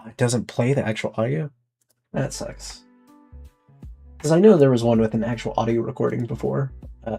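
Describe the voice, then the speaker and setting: A man's voice: medium pitch, vocal fry, darkish tone, slightly rough, low-quality recording. A man streaming, reading a document aloud with casual, thinking-aloud asides.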